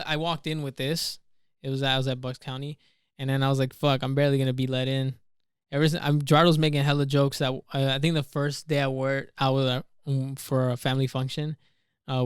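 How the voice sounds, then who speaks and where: A man's voice: mid-range voice, clear, resonant tone, no room sound, clean studio sound. A young man co-hosting a podcast, telling a rambling story full of fillers and swearing. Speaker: podcast co-host. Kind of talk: casual chat.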